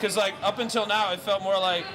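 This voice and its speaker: A man co-hosting a live arcade stream, chatting excitably with guests and reading viewer comments aloud. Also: sits high, brisk, a crowd in the background, background noise. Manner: excitable, shouts greetings, reads chat aloud. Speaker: co-host. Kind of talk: casual live-stream chat.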